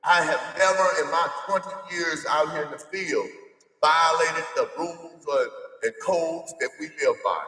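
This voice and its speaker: A 65-year-old addiction counselor delivers a defiant, preachy, confrontational monologue, repeatedly calling the listener "brother." His voice is a little high, bright, forceful, and unhurried, and he sounds far from the mic in an echoey room.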